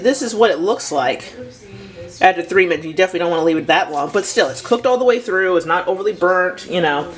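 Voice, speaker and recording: Young woman, lowish voice, rambling casual vlog chat from the kitchen. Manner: chatty, rambling, bursts into excited cheers. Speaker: home cook and mother.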